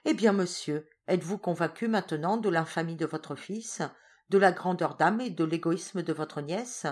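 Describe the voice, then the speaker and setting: A woman reads the part of a formal male notary in a storybook, polite yet firmly insistent. The voice is a bit low for a woman and measured. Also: a little mellow, close to an everyday voice.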